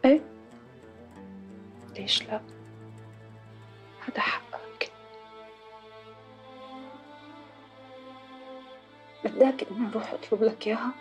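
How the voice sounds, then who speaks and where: An actress playing a devoted, anxious wife in a Syrian period television drama, speaking in a soft, coaxing, emotional and often breathy voice. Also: female voice, on the high side, moderate pace, close to an everyday voice. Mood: tearful devotion. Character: devoted, pleading wife, anxious to please her husband. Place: furnished room indoors. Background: music.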